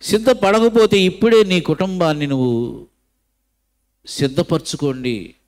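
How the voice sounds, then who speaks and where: A middle-aged male pastor delivers a sermon in a fairly high voice. He tells a story, moving from quiet low passages to loud lifted ones as he acts out each character's lines. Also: measured pace. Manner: preaching with large swings of pitch and loudness, voicing the characters of his story.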